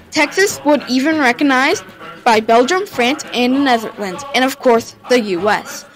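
A woman's voice: high voice, a bit bright, poor audio. A woman reading a history narration for her own video, informal and a little stumbling, with sudden upward jumps at each new turn in the story. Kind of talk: read-aloud history narration.

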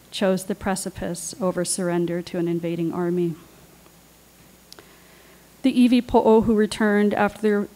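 A woman on a panel, reading her own personal essay aloud in a measured, deliberate way. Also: medium pitch, mellow, low-quality recording. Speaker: writer and panelist.

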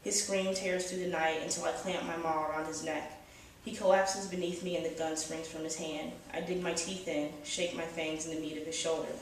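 Brief: young woman author reading dark fiction aloud, measured and monotone, captured from a distance with heavy room echo and faint noise. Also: sits low. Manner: steady, measured reading from the page. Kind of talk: first-person dark fantasy reading. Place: small cafe with brick walls, indoors. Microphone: far camera, no close mic. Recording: very echoey cafe, mic far off.

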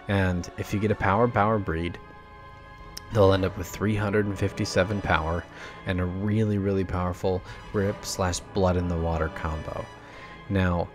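A man hosting a casual video game guide, talking quietly as if not to wake anyone at night. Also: low voice. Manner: quiet, held-back late-night voice. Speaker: gaming guide host.

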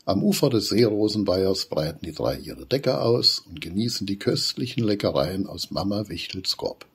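Male narrator reading a children's storybook, deep and lively, very husky. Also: moderate pace.

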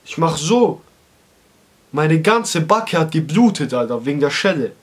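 High-voiced young man telling a comic story. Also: a little slow, breathy edge. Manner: animated, street slang, acts out the dialogue. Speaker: comedy YouTuber.

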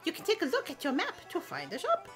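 A woman's voice: extremely high pitch, huge pitch swings, fast talker, fairly bright tone, faint music behind, heavily acted. Woman doing a fussy raccoon shopkeeper. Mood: mock-formal. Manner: keeps tacking on "yes, yes".

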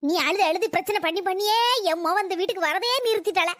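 A woman's voice: extremely high pitch, fast, dry recording, studio quality. A woman playing a bitter, self-pitying older mother-in-law in a comedy skit, nagging and sarcastic. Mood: complaining. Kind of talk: scripted comic family quarrel.

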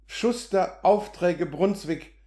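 A man reading an audiobook voices an impatient male land surveyor, snapping sharp, exasperated demands in a slightly high voice. It's lightly acted at normal speed, recorded in a roomy space with clear echo.

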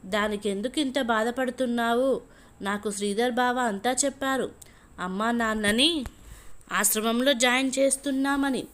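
A woman's voice: on the high side, normal speed, a bit bright, natural voice. A woman storyteller voicing a grown man, a husband who speaks in a dry, cutting, matter-of-fact way, in a storybook reading. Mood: dismissive.

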